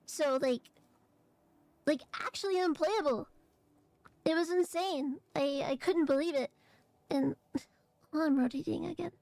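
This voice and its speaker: A woman streamer chatting casually and haltingly, her voice phlegmy and rattly in the chest, congested from allergies. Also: high voice, darkish tone, no room sound. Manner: halting, hesitant, trailing phrases. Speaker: vtuber streamer. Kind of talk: casual livestream chat.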